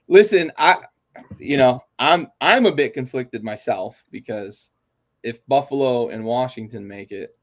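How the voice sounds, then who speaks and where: A man's voice: mid-range voice, lively intonation, takes it slowly, long pauses. Male podcast co-host, swaggering betting talk, dull lo-fi audio. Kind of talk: casual sports podcast chat.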